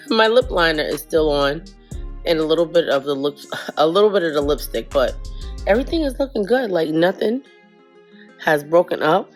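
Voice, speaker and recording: A woman with a nasal voice from a cold, chatting to camera in a casual makeup review and repeating herself often. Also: low voice. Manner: chatty, repeats herself, addresses viewers as guys. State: sick, nasal voice. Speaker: beauty vlogger.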